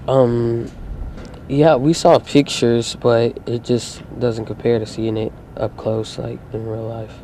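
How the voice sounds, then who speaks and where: A man's voice: mid-range voice, level tone, takes it slowly, mellow, a little hiss or hum. An American boy of fourteen giving casual interview answers. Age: teenager, fourteen.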